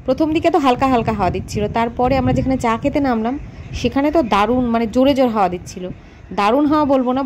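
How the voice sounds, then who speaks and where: A woman, chatting to the camera about her household routine in a casual vlog. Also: on the high side. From West Bengal, India. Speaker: lifestyle vlogger. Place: family home, indoors and on the road. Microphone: handheld phone camera. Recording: home recording with loud background noise.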